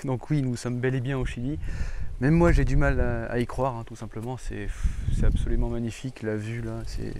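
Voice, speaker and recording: A man vlogging about astronomy talks to the camera outdoors in a hilly valley, casual and enthusiastic, with plenty of fillers and restarts. His mid-range voice moves little in pitch, his pace is brisk, and background noise can be heard.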